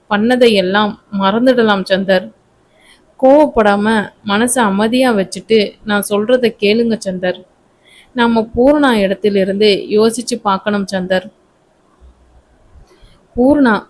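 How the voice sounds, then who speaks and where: A woman voicing a gentle young wife. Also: fairly high pitch. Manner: soft, reassuring.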